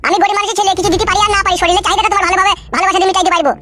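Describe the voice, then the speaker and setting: A woman's voice: very high voice, steady tone, very noisy. A woman voicing a poor young village husband who argues and pleads in a comic cartoon. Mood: defensive. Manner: rapid, pleading and quarrelsome. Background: light music.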